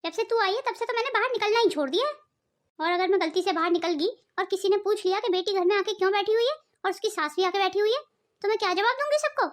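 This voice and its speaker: A woman voicing a sharp-tongued, scolding middle-aged mother in a cartoon family drama, speaking in a taunting way. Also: extremely high pitch, fast. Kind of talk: cartoon voice acting.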